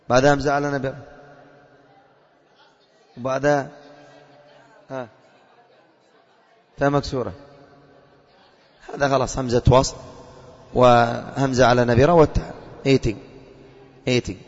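A male religious teacher giving a classroom lesson, quizzing his students and repeating their answers back to them. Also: mid-range voice. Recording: long reverb, dull lo-fi.

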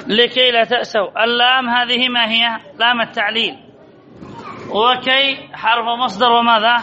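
A man's voice: extremely high pitch, level tone, normal speed, bright, forceful tone. A man teaching Arabic grammar in a classroom, quizzing students and repeating key answers as drills, on a dull lo-fi recording. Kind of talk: classroom lesson with questions to students.

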